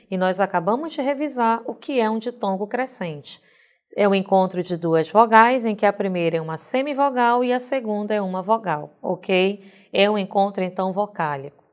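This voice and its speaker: A woman teacher giving a recorded video lesson. She explains each rule step by step, spells out word endings letter by letter, and keeps checking understanding with a quick "ok?". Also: medium pitch. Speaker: Portuguese teacher.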